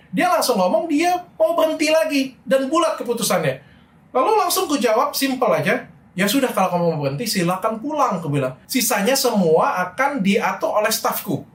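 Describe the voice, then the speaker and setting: Middle-aged man vlogging, frustrated and animated, lively voice, echoey room. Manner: animated, frustrated, shifts pitch when quoting people. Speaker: vlogger telling his side of a story. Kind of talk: casual personal monologue.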